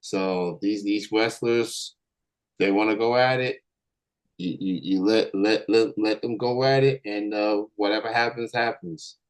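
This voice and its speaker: Laid-back host with a low voice. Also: male voice, steady tone, unhurried, rough recording. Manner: laid-back, chatty, repeats words, says "man" a lot. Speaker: show host. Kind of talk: casual interview chat.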